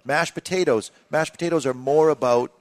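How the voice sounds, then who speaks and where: A man's voice: a little high, brisk. A man co-hosting a casual radio chat, explaining things at ease and joking along. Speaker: radio co-host.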